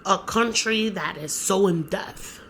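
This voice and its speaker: A woman's voice: medium pitch, slow, slight background noise. A young woman, co-hosting a podcast in a casual, profane, emphatic chat. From Dominican-American, raised in the United States. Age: young adult. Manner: animated, profane, talks with emphasis and repeats herself. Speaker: podcast co-host.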